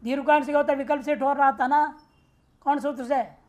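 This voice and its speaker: A woman's voice: high-pitched, fairly even intonation, brisk, a little mellow. A woman teaching a grammar class, explaining rules step by step and often asking her students rhetorical check questions. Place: ashram teaching room.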